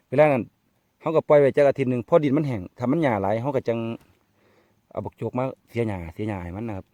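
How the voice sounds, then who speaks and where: A man with an Isan accent walks viewers through his farm in a chatty, friendly way. His voice is mellow and dry, recorded outdoors with animal sounds behind him. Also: medium pitch, no room sound. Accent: Isan (Northeast Thai). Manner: chatty, addresses viewers as brothers and sisters. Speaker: farmer vlogger. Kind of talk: casual farm tour talk.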